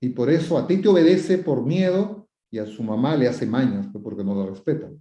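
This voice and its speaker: A mellow mid-range voice moving a little fast belongs to a male psychotherapist answering viewer questions in an advice format. He explains through repetition and rhetorical questions while quoting questioners and acting out phrases, recorded in a roomy space with dull lo-fi sound.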